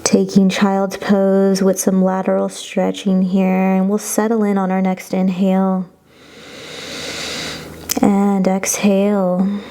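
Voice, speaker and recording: A woman's voice: mid-range voice, monotone, measured pace, few pauses, dark tone. A woman yoga instructor guiding a class through poses in an encouraging, reassuring and informal way.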